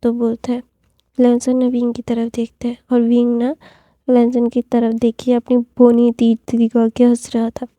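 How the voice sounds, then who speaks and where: Woman, storyteller, casual retelling, filler-heavy, dark tone, dry close sound. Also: fairly high pitch, completely flat delivery, measured pace, dry recording. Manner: loose, with constant fillers and restarts.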